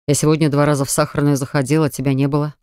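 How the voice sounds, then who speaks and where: A woman's voice: sits low, little pitch movement, racing, mellow, clean tone, dry recording, studio quality, voice pushed down, natural voice. A woman voicing a stern, insistent young man who speaks curtly and makes demands in an audiobook. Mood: demanding. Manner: curt, demanding.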